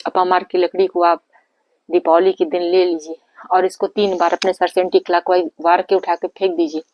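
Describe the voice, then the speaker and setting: A woman's voice: lowish voice, flat delivery, fairly quick, no echo. A woman explains a home ritual step by step, repeating herself and restarting her sentences as she instructs. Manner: repetitive, instructive, restarts and self-corrections. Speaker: astrology and remedy presenter. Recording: dull lo-fi, dry close sound.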